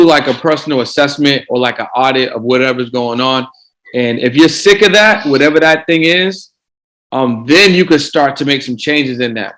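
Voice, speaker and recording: A guest coach from Boston talks in a casual podcast interview, repeating words while he gathers his thoughts. His voice is mid-range and fairly bright. The recording is rough.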